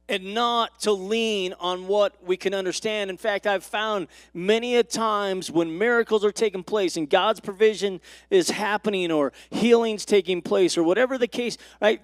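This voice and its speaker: A man's voice: sits high, gravelly, no room sound, studio quality. A male pastor preaching a sermon to his congregation, with rising and falling emphasis and questions to the room. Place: church.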